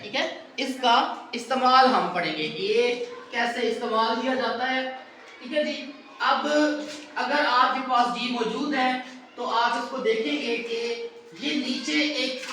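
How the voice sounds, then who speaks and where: A man's voice: extremely high pitch, pushed and bright. Patient male teacher in echoey classroom. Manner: patient, asks class to repeat answers. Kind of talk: classroom math lesson. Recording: echoey classroom from far off, faint noise.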